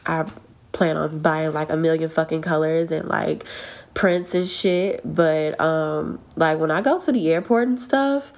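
A woman vlogger giving a blunt, profane, fired-up rant to her viewers. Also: deep voice. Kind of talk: casual rant to camera.

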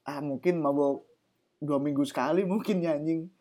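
A man's voice: a little high, steady tone, moderate pace, crowd noise. A young man from Java in a casual chat, speaking thick with slang and casual swearing. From Java, Indonesia.

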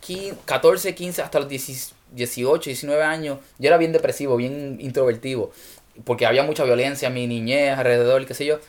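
A man's voice: mid-range voice, brisk. Agreeable man with English fillers. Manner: agreeable, mixes in English fillers, laughs easily. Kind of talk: casual chat.

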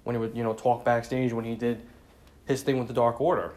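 A man's voice: mid-range voice, level tone, brisk, a little mellow. A man hosting a solo podcast, talking casually and sincerely, sounding saddened, with lots of fillers and restarts. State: saddened, subdued. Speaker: podcast host. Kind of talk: casual solo tribute talk.

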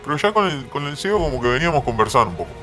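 A man's voice: medium pitch, racing, soft background music. An Argentine man hosting a casual chat, telling a story and acting out voices. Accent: Argentine Spanish. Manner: animated, acts out voices in stories.

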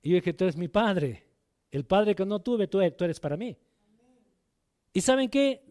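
A man preaching a sermon as pastor, telling a personal story and putting direct questions to the congregation, loud one moment and quiet the next. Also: expressive, measured pace. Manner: emotional storytelling, swings between loud exhortation and quiet low asides.

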